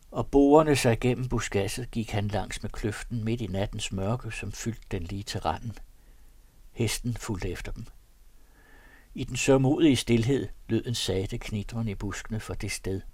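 A man narrating an audiobook story in a steady, measured reading. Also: fairly low pitch, no room sound.

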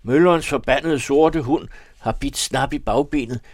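A man's voice: mid-range voice, darkish tone, dry recording, studio quality, pitched above the performer's own voice, close to an everyday voice. A man voicing a desperate, remorseful young man who pleads in a raised voice while reading a novel aloud. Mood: pleading.

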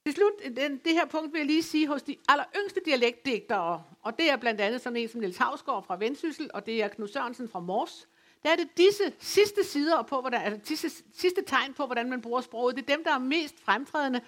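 High-voiced woman giving a measured lecture. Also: lively intonation, fairly bright tone. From West Funen, Denmark. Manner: measured, explanatory, with occasional hesitations. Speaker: lecturer on dialect literature. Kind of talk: academic lecture. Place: folk high school lecture venue.

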